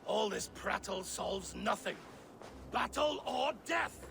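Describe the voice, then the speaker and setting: Thor, gravelly, blustering warrior god. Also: male voice, high-pitched, expressive, slow, bright, forceful tone, slight background noise, exaggerated voice. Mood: impatient, belligerent. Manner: brash, gruff. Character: hot-headed, blustering Norse warrior god. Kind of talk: dramatic video game acting.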